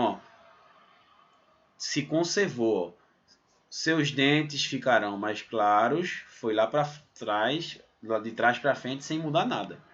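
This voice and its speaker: A man from Pernambuco teaching a recorded math lesson, talking it through step by step with a lively delivery and frequent "né?" tags. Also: mid-range voice. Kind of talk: recorded exam-prep lesson. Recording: slightly dull, muffled sound.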